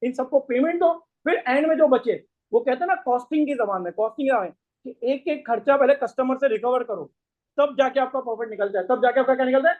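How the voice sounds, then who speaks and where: A hoarse man gives a classroom lecture, mixes in English terms, and keeps quizzing the class with repeated questions. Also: very high voice, fast talker. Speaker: tax course lecturer. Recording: tinny phone-like lo-fi recording.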